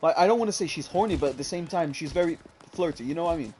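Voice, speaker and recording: Young man, higher voice, rambling casual storyteller, faint hiss behind. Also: animated, racing, a little mellow. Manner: rambling, fillers like "what's it called", says "bro". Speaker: gamer telling a story.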